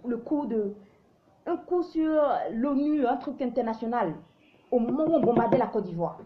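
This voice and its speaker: A woman's voice: on the high side, expressive, moderate pace, narrow, tinny audio, a little hiss or hum. A woman from Africa hosting a live show, giving opinionated commentary in an emphatic, preachy way that often stumbles and restarts.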